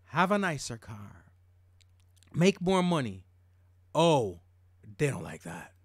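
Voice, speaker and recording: A man's voice: a little high, very animated, slow, slightly rough, no echo, clean studio sound. Emphatic man from Jamaica, podcast host. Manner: emphatic, repeats words when worked up. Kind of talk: casual monologue.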